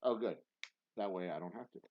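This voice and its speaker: On a livestream trivia night, a man reads questions in a low voice at a fairly quick pace. He rambles casually, mocks himself in jokes, and keeps restarting. The sound is lo-fi.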